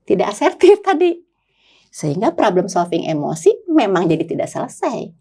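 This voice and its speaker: A woman's voice: medium pitch, very animated, normal speed, mellow, breathy edge. An older woman who works as a psychologist, talking in a podcast conversation and telling stories animatedly, acting out her clients' voices.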